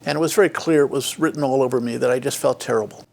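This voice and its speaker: Very fast and gravelly, with a darkish tone in the mid range, an older man tells career stories as a guest in a reflective interview. A former state official, he restarts frequently, uses many fillers, and acts out the dialogue he quotes.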